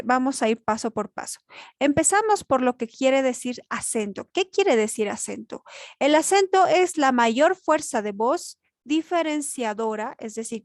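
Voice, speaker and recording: A woman's voice: a little high, no echo, studio quality. A woman teacher giving a spoken grammar lesson, explaining step by step and checking in with rhetorical questions.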